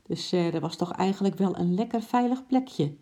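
A woman reading a children's story aloud in a lively, expressive narration. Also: on the low side, moderate pace.

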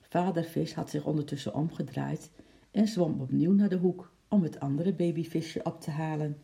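A storyteller reading a children's story aloud in a lively, expressive way, with sound effects. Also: medium pitch, moderate pace, creaky.

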